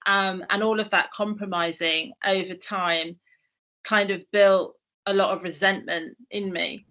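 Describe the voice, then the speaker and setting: A woman's voice: medium pitch, steady tone, a little slow, bright, forceful tone, rough recording. A woman from Barbados speaking as a panel guest on a video call, reflecting candidly on her career with some hesitation. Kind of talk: personal account.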